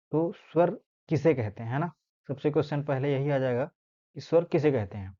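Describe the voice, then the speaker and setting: A male teacher giving a grammar lesson, explaining step by step and slowly sounding out letters, often checking in with his listeners. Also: fairly high pitch. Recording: dull lo-fi sound.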